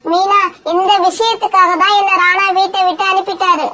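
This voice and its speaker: Sad mama sparrow in a cartoon, woman doing it, super high voice, begging and teary. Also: little pitch movement, normal speed, bright, forceful tone. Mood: tearful. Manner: pleading, tearful. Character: gentle mother sparrow, wronged and grieving. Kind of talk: cartoon voice acting.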